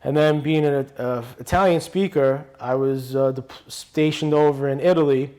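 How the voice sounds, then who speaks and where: Speaking at a normal speed with a medium-pitched, steady, warm voice, a retired police officer from Brooklyn, New York chats as a podcast guest. His casual storytelling is blunt and loose, with many restarts.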